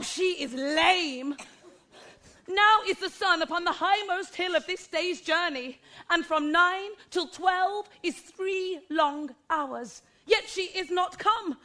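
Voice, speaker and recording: A woman's voice: extremely high pitch, fairly bright tone, exaggerated voice. A woman playing an impatient, lovesick young girl in a Shakespeare play, pleading for news. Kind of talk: Shakespeare stage acting.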